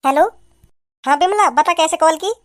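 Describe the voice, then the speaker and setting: A woman voicing a scolding mother in an animated comedy cartoon. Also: very high voice, moderate pace. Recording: light background music.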